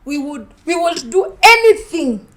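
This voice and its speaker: A woman's voice: very high voice, very animated, unhurried, fairly bright tone, a little hiss or hum. A woman with a Kenyan accent, teasing and playful in a casual podcast chat. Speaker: podcast panelist.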